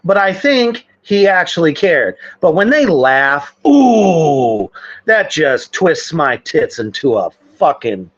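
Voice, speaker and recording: Slow, low-voiced woman with lively swings. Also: dull audio. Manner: animated, swears freely. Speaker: co-host of a live variety show. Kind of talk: casual profane chat.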